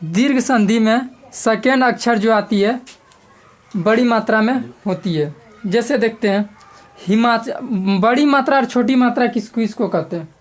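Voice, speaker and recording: A woman's voice: a little high, normal speed. A woman teacher giving a grammar lesson step by step, repeating key terms and asking the class questions.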